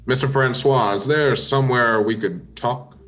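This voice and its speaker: In an amateur radio mystery, this man plays a composed American police inspector who probes with polite, measured questions. His mid-range voice is slightly bright and close to everyday speech, with faint music in the background.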